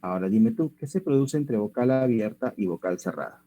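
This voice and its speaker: Over a computer mic, a male teacher runs an online language lesson in a low-leaning, dark-toned voice that is animated and brisk. He patiently works through it step by step and keeps checking that students understand.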